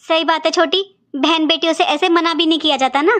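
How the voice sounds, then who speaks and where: A woman voicing an elder married sister in a cartoon, calm and cautious, keeping the peace in a low, soothing, hushed voice. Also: a little fast. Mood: annoyed. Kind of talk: cartoon voice acting.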